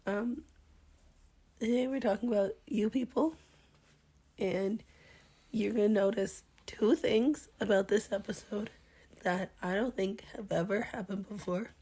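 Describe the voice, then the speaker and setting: Podcast co-host, young woman, sick and hoarse, dark husky tone, easygoing chat. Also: mid-range voice, unhurried, pauses often. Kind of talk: casual chat.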